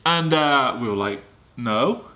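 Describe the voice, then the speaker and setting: A man telling a story in casual vlog style, animated and laughing often. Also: mid-range voice, normal speed. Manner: animated, laughs often, keeps asking "right?". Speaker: vlog co-host.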